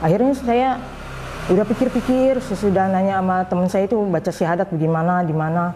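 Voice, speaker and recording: A woman telling her personal story, voicing the people in it with animated quoted dialogue. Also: medium pitch, a little fast, a little hiss or hum. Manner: recounts with lively quoted dialogue. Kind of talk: personal testimony.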